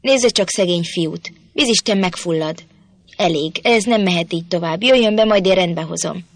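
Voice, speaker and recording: A woman's voice: lowish voice, no room sound. Woman voicing a stout scolding housekeeper. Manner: loud and scolding.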